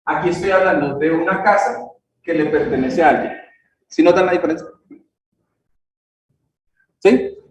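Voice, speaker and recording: A man teaches grammar in a high, unhurried voice. He keeps checking in with short questions and repeats key words. He is recorded from a distance in an echoey room with faint background noise. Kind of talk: classroom grammar lesson. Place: church classroom.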